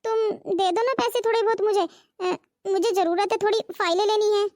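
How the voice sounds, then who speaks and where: A woman's voice: very high voice, fairly even intonation, normal speed, a little mellow, dry recording, clean studio sound. A woman voicing a sulky, demanding young college girl in a cartoon. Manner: whiny, sulky. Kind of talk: cartoon voice acting.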